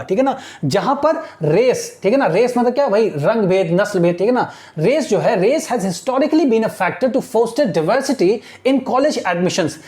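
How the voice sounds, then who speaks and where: A woman's voice: medium pitch, darkish tone. Woman teacher with Indian accent. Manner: reads English lines slowly, then explains in Hindi with repeated "ठीक है ना". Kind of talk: exam-prep lesson, reading and explaining an editorial.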